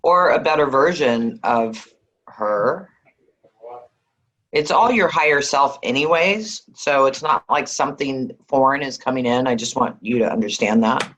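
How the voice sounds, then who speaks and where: A woman's voice: very deep voice, a little slow, fairly bright tone, low-quality recording. A woman hosting a spiritual healing session on a video call, soothing and affectionate, calling callers honey.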